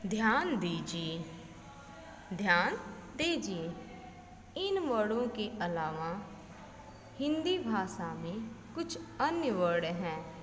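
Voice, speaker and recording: Lady teacher reciting letters really slow, echoey room w/ long reverb. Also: medium pitch, very animated, a bit bright, slight background noise. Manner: slow, drawn-out recitation with questions and answers to herself. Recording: echoey room with faint ambience.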